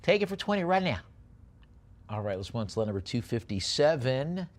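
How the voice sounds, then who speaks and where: At a live sale, a male auctioneer rattles off a rapid, repeated bid chant, then shifts to unhurried accounts of the items. His medium-pitched voice is sing-song, with slight background noise.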